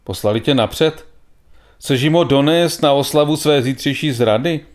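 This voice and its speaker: A man's voice: fairly high pitch, natural voice. A man voicing a bitter, suspicious middle-aged farmer. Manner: bitter, distrustful.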